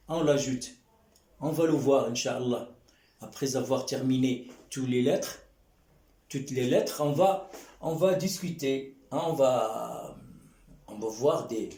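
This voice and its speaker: A man leads a classroom lesson, sounding out syllables one by one and often pausing to check on his students. He speaks very slowly in a dark, mellow voice. The room around him is roomy and echoing. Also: medium pitch. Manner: drawn-out syllables, frequent questioning "hein?". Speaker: Arabic teacher. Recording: echoey room.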